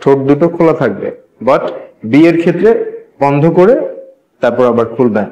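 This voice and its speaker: A man teaching a spoken English class, drilling the alphabet slowly and having learners repeat after him. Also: medium pitch, expressive, dark tone, lo-fi sound. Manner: slow, deliberate, repeats each letter for learners. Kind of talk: classroom lesson, call-and-response drilling. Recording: echoey room.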